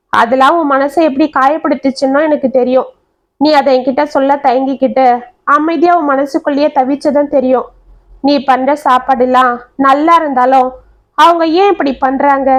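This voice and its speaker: A woman voicing a young husband who speaks calmly and explains himself steadily. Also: high voice, lightly acted. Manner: calm, explaining. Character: young husband, calm and firm.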